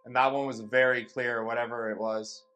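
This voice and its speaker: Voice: mid-range voice, flat delivery, normal speed, a bit bright. A ghost-hunt participant calling out short, blunt phrases and casual remarks on what is heard.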